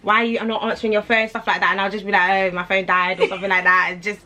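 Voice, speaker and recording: A woman's voice: medium pitch, flat delivery, rapid-fire, noisy background. A young woman, hosting a casual family chat with a giggly manner. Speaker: host.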